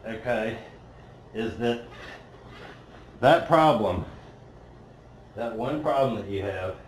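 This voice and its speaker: A man in the middle of a live spiritual talk in an auditorium, with an ordinary pitch for a man. He talks bluntly and curses freely as he makes his points. His voice swells to loud, emphatic peaks and then sinks back to low, quiet stretches. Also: lively intonation, takes it slowly, roomy sound, slight background noise, low-quality recording. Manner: blunt and profane, swearing freely. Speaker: spiritual teacher. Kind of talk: live motivational talk to an audience.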